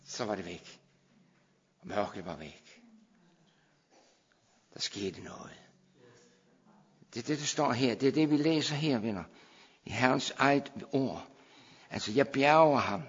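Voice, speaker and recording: A man preaching a sermon, moving between quiet explanation and loud, shouted proclamation. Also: mid-range voice, in a large hall, highs cut off.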